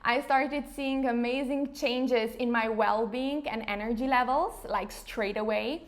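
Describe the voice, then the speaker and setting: A woman's voice: on the high side, fairly even intonation, measured pace. A woman in her thirties from Slovenia, an English speaker, chatting casually in an interview with frequent fillers like "you know". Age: 30s. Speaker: interview guest, face yoga founder.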